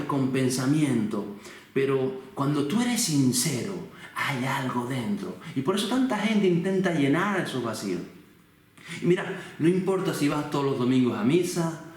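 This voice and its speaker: A man from the Canary Islands, preaching an earnest, personal sermon from his home with many rhetorical questions. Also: medium pitch. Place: room at home. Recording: very echoey room.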